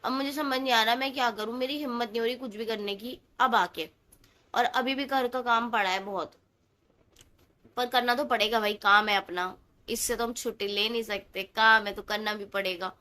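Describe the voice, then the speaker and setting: A young woman vlogging at home about her day as a new mother, chatty and tired, with a hoarse, sore-throated voice and English words mixed into her talk. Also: on the high side, fairly even intonation, normal speed, sharp tone. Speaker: mom vlogger. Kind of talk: casual vlog chat to camera.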